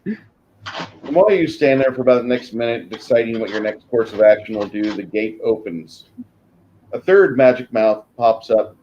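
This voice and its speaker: A man narrating a tabletop fantasy game as game master, improvising haltingly with pauses to find his words. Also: mid-range voice, a little mellow, dull audio, slight background noise. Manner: halting, pausing mid-sentence to search for words.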